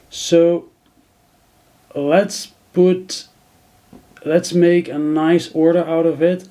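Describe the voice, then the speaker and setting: Brief: slow-talking male tutor, mellow tone, halting narration over screen recording. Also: a little high. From Netherlands. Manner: thinking aloud, halting, many fillers. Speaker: video editing tutor.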